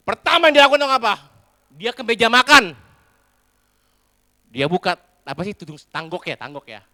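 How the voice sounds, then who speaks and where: A male pastor, giving a lively comic sermon in animated storytelling, calling out to the crowd. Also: high-pitched, moderate pace, pauses often, no echo, studio quality. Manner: animated storytelling with a sing-song rise and fall and crowd call-outs.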